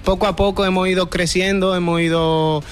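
Man in his twenties, slightly high. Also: level tone, a little fast, a little hiss or hum. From Dominican Republic. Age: 20s. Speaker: urban music singer, guest. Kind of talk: casual interview answers.

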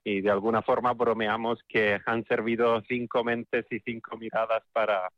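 A man's voice: on the low side, little pitch movement, normal speed, no room sound, muffled recording. A man from Italy with an Italian accent, speaking as a festival spokesperson in a radio interview, thoughtful and often repeating words as he searches for them.

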